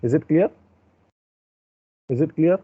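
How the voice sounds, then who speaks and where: A man with an Indian accent, a teacher giving an online class, explaining slowly and checking in often, heard through a thin, phone-like headset mic. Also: a little high, husky, dry recording. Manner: slow, drawn-out explaining with frequent check-ins.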